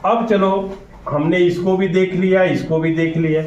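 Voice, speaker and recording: A man's voice: sits high, steady tone, unhurried, darkish tone. A man teaching a classroom lesson, patiently explaining and often checking that the class understands. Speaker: school teacher. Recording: echoey, dull lo-fi classroom recording.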